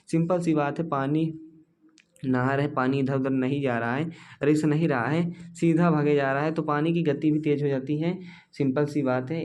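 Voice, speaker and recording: A man's voice: on the high side, a little mellow, slight background noise. A male teacher giving an exam-focused lecture, explaining step by step with many rhetorical questions and calling the students dear and brother.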